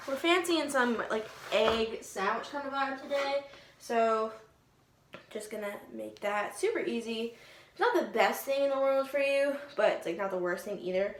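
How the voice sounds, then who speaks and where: Young woman, fitness vlogger, slightly high pitch, casual chatty delivery, informal hedging, echoey indoor room. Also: measured pace, a bit bright. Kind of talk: casual vlog chat. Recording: roomy echo, faint background noise.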